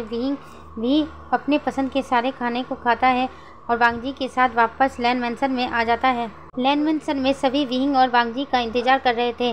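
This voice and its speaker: High-voiced woman narrating a story. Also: a little hiss or hum, rough recording. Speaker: fan fiction narrator.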